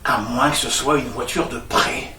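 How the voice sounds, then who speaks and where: A man's voice: medium pitch, normal speed, pushed and bright, a little hiss or hum. A man playing a flustered, tactless office guy. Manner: stammering, flustered. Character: awkward clumsy man, self-satisfied and tactless. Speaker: office worker and neighbour. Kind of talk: stage comedy acting. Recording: echoey stage sound from far off.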